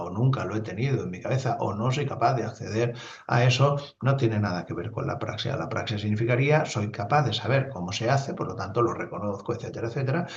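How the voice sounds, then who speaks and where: A man's voice: fairly low pitch, slight background noise. A man giving a neuropsychology lecture, explaining with fillers and asides. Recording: dull lo-fi recording.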